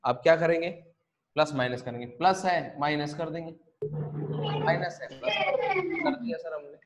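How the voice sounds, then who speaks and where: A man's voice: fairly high pitch, lively intonation, normal speed, heavy background noise. Man teaching math, step by step. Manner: repetitive, step-by-step explaining with rhetorical questions. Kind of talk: online math lesson.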